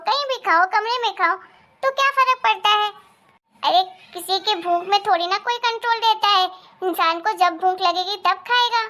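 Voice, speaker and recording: A firm but loving mother-in-law in a cartoon family story, with a very high voice, as a woman plays her. She reassures and gently lectures at length.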